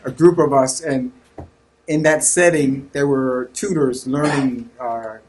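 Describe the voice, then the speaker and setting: A man's voice: mid-range voice, fairly even intonation, takes it slowly, very noisy. A man in his sixties with a Southern US accent, a Redemptorist priest earnestly sharing reflections with a group and searching for his words. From North Carolina, USA.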